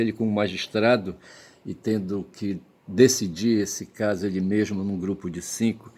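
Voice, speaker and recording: Hungover man for casual rambling commentary; deep, creaky voice, halting delivery. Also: darkish tone. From Brazil. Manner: halting, repeatedly checks with tag questions. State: hungover, tired. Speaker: vlogger giving commentary.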